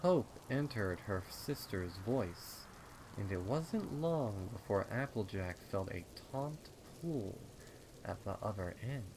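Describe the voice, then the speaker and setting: Over rain and storm sound effects and some background noise, a man narrates scripted horror fan fiction in a dramatic reading style. His voice is fairly low, expressive and slow.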